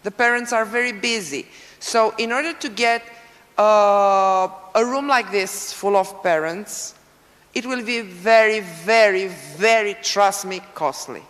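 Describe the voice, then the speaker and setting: Her voice is medium-pitched and a bit bright as this Romanian-accented woman gives frank, self-assured, unhurried answers on a conference panel in English. The large hall echoes, she is heard from a distance, and her table mic goes dead at times.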